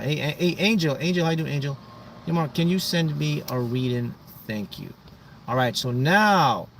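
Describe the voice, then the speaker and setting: A man hosting a livestream, giving casual psychic readings to viewers, talking in halting bursts and dropping low and slow at the ends of lines. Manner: halting, restarts often, drops low and slow on closing words. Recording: voice a little far from the mic, faint background hum.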